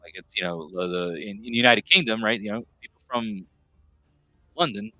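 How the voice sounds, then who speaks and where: A man chats loosely on a live stream, wandering through tangents and catching himself mid-sentence. His voice sits a bit low yet comes across bright and forceful. The sound is dry and slightly dull, like a modest home setup. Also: brisk, dry recording, soft background music. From New York, USA. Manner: rambling, self-correcting. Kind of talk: casual chat reading viewer comments.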